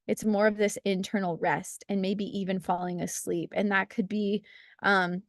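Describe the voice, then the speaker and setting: A young woman leads a casual birth-preparation workshop over a video call from outdoors, speaking in an earnest, encouraging way full of fillers and asides. Her voice sits at an ordinary pitch for a woman. The sound is dry, with little room echo. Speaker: birth educator.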